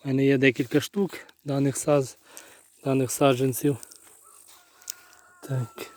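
A man with a Ukrainian accent, a nursery grower, reviewing his hazelnut bushes outdoors in an unhurried, halting way, thinking aloud, recorded on a phone camera. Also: mid-range voice, little pitch movement, darkish tone. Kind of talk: casual walk-through plant review. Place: outdoors in a garden.

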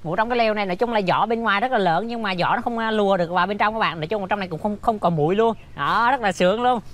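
A man's voice: sits high, rapid-fire, fairly bright tone. Chatty young man vlogging from a tent. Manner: chatty, keeps addressing viewers, many fillers. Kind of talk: casual vlog talk to viewers. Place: small tent on a house rooftop.

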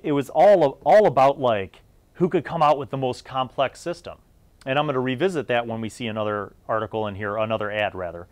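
The host of a tabletop gaming review show, a middle-aged man, talks through a game in a loose, conversational ramble. His voice is mid-range, and there's no echo.

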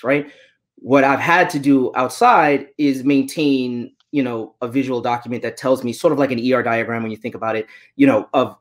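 A man in his forties answering questions as a guest on a video call, talking with animated gestures from a small room at home. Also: mid-range voice. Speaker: guest speaker, data engineer. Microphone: laptop webcam on video call.

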